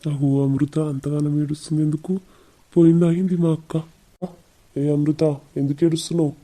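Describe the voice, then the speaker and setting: A woman's voice: low-pitched, steady tone, brisk, warm tone, rough recording. A woman voicing a grieving, melodramatic young man in a cartoon, speaking with a Telangana accent. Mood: worried. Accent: Telangana Telugu. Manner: wailing, melodramatic. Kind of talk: cartoon voice acting.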